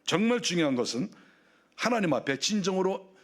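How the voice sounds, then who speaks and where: A man's voice: high-pitched, very animated, a little fast. A male pastor preaching a sermon in a conversational way, full of rhetorical questions.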